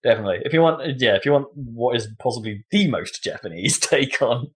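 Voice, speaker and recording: A man's voice: mid-range voice, animated, quick pace. A man chatting casually about video games as a podcast co-host, rambling with lots of fillers and laughs.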